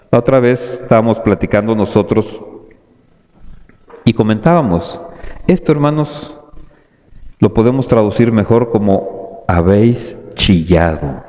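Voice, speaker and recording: A man preaching at an unhurried, measured pace, drawing out his words as he appeals to his congregation. His voice trails off into the long reverb of a church hall. The recording is dull and lo-fi. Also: lowish voice. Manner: slow, deliberate preaching, calling out to the brethren. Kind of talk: sermon.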